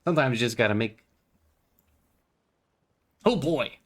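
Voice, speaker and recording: Speaking a little slowly in an expressive, medium-pitched voice, this young man plays a game and muses loosely about spirituality. As a gaming vlogger, he wanders off topic, gets distracted easily, and fills the talk with fillers and playful tangents.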